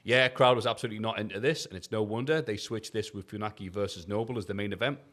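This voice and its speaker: A man's voice: lowish voice, fast talker, a bit bright. A man co-hosting a wrestling review podcast, reading his written recap in a jokey, casual way, swearing and laughing often.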